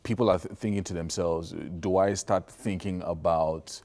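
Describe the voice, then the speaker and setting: A man's voice: low voice, fairly even intonation, normal speed, a little mellow. A man hosting a morning TV show, asking probing questions and thinking aloud with restarts. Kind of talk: TV studio interview.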